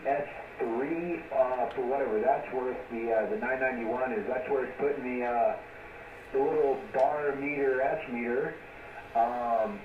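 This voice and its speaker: A man running an amateur radio net as net control, talking easygoing and chatty with many fillers, heard through a ham radio receiver with static. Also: mid-range voice. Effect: heard over a ham radio receiver with static. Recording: distant, muffled radio with loud static and echo.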